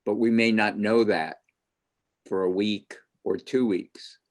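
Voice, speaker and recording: A man hosting an online panel discussion speaks in an animated, opinionated way, thinking out loud as he goes. His pitch is fairly low and his delivery slow.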